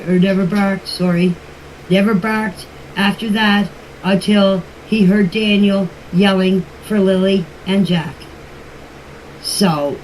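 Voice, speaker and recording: This older woman's voice is lowish and slightly mellow as she sends informal voice messages to a group chat. Emphatic and full of opinions, she tends to repeat herself, and the recording is a noisy amateur phone message.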